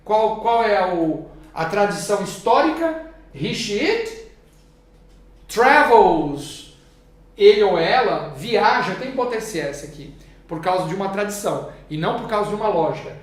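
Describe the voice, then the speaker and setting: A Brazilian-accented teacher with a lively, swinging pitch who slows right down on each English example. The voice rings around a very echoey room. The delivery stays patient and explanatory. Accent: Brazilian Portuguese. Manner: lively, stretches English examples slowly and loudly. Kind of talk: explaining grammar to viewers.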